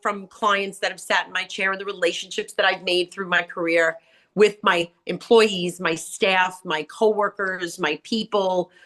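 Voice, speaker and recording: Raspy, grating New woman. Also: mid-range voice. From New York area. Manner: blunt, animated storyteller who acts out quotes. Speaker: interview guest, salon owner and author. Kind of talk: candid conversational interview.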